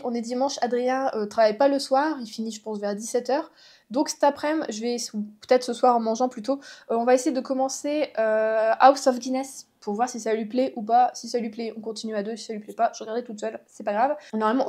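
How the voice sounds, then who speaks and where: A woman vlogger talks casually to her viewers in a slightly high voice. Her tone is soft and mellow, and her talk rambles with plenty of fillers and restarts. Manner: chatty, addresses viewers directly. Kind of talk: casual chat vlog.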